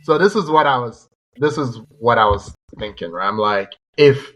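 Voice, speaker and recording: A man's voice: medium pitch, expressive, moderate pace, a bit bright. A man co-hosting a podcast, chatting casually about sports and eagerly jumping in to make his points. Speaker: podcast co-host.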